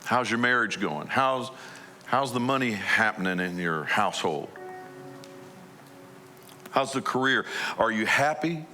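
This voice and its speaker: A man's voice: mid-range voice, lively intonation, a little slow, long pauses, sharp tone, faint music behind. A man preaching a conversational sermon as a pastor, asking his listeners many questions.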